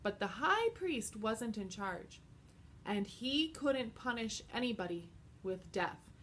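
A woman teaching a children's Bible lesson, telling the story slowly and expressively and stopping to explain simple words. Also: on the high side, sing-song, a bit bright, slight background noise.

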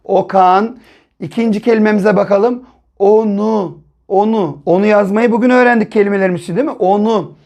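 A male primary school teacher giving a first-grade reading lesson, sounding out syllables slowly and asking the children questions. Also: high voice, fairly even intonation, a little mellow. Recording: dull lo-fi recording.

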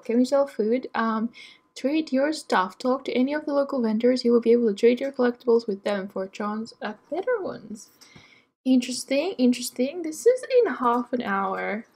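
A young woman chats casually through her let's-play session, rambling, talking to herself and saying "um" a lot. Her voice is high and gravelly with a breathy edge.

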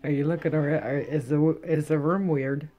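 A middle-aged woman in casual conversation, gently coaxing and reassuring as a parent, explaining things simply. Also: low voice, steady tone, moderate pace. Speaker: parent looking after a patient. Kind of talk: casual chat. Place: small recovery room, indoors.

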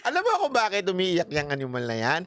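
A Filipino man with a high voice hosts a casual political commentary stream, talking fast with wildly swooping pitch and a slightly bright tone. He teases his viewers and laughs often, and a little hiss or hum runs under the audio.

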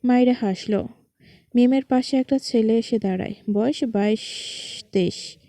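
Woman, story narrator, very dark mellow tone, slightly high voice, dry close sound. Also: unhurried, no room sound.

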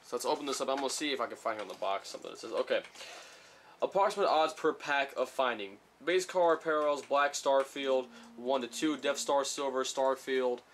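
A man chatting casually while unboxing trading cards, rambling and reading each card title aloud slowly, a little sick. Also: mid-range voice, a bit bright, a little hiss or hum. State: slightly sick. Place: small room at home.

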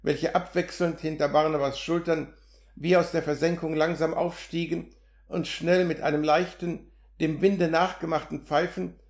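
A man narrating a literary audiobook in a measured, steady reading. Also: fairly high pitch. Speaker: audiobook reader. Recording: roomy echo.

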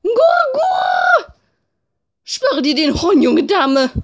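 A woman voicing a furious, pompous male pigeon from a video game, with cooing shouts and grandiose talk of himself in the third person. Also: sits high, wildly swooping pitch, drawn-out words, heavily acted. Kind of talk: video game character voice in a let's play.

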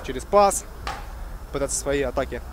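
A man's voice: medium pitch, animated, moderate pace, a loud crowd. A man giving live football commentary as a match commentator.

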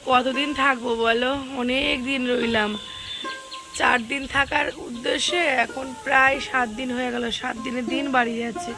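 A middle-aged woman with a hoarse voice, chatting to viewers in a casual home vlog. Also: sits high, fairly even intonation, moderate pace, over music. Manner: chatty, addresses viewers directly. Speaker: vlogger. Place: family home, in and out of doors.

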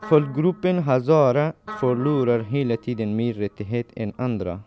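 A man reading a scripted documentary voice-over in an earnest, measured way, slowing down to stress key points. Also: medium pitch, warm tone, faint music behind. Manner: earnest, measured reading with slow deliberate emphasis. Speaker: documentary narrator.

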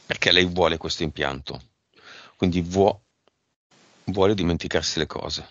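A man leading an esoteric hypnosis session, asking brisk, directive questions. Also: sits low, a bit bright, no echo. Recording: dull lo-fi sound.

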